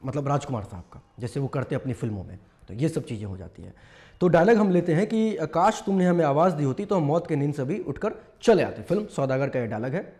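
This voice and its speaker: A man's voice: medium pitch, warm tone. A man casually teaching mimicry, explaining step by step with lots of fillers. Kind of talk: casual tutorial talk.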